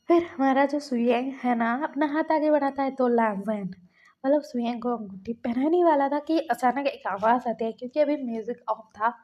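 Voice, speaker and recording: A woman with a hoarse throat telling a fan-fiction story in a casual, chatty way. She speaks fondly and talks straight to her listeners. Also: a little high, lo-fi sound. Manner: chatty and fond, addresses listeners directly.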